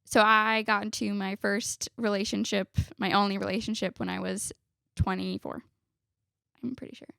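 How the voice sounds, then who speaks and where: Gravelly-voiced woman in her twenties. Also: mid-range voice, level tone, normal speed, pushed and bright, dry recording, clean studio sound. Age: 20s. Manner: chatty, laughs often, backtracks mid-sentence. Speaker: podcast guest. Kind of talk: casual family podcast chat.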